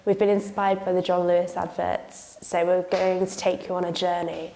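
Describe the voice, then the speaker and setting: A woman's voice: lowish voice, little pitch movement, moderate pace, vocal fry, dark tone, echoey room, a little hiss or hum. A young female student from Lincolnshire, talking confidently in an interview. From Lincolnshire, England. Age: young adult. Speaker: university student. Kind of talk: casual interview.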